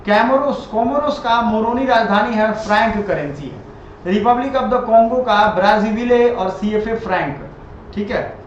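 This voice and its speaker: A high-voiced man teaches an exam-prep lesson at a slightly slow pace, drilling each answer and asking the viewer to repeat it. The room is very echoey, and the dull, lo-fi audio has a faint hiss underneath.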